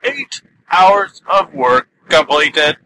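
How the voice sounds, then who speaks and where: Guy doing a bright-toned worker robot powering down, slow and measured, slightly raised pitch. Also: big pitch swings, slight background noise, heavily acted, rough recording. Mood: mock-robotic. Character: male worker robot powering down after a shift. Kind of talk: casual solo podcast. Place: in a car while driving.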